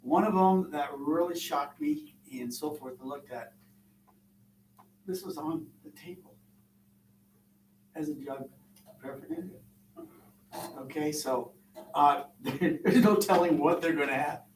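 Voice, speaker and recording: Speaking slowly with long pauses, a man from Vermont on a school board delivers folksy, rambling remarks heavy with fillers. His voice is fairly high and far from the mic, captured in an echoey meeting room amid background noise.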